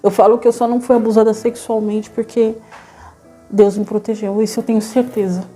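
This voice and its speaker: A woman's voice: mid-range voice, flat delivery, brisk, dark tone, faint music behind. A young woman, earnestly telling her church testimony and addressing the listeners as brothers.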